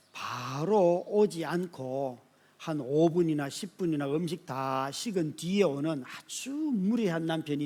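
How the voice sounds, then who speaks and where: A high-voiced man in his fifties preaches a sermon, telling stories about family life. He swings between soft, hushed asides and loud bursts, and keeps drawing the congregation in with questions. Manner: storytelling, swings from quiet asides to sudden shouts; speaks to the congregation directly, often asking "right?". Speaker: pastor.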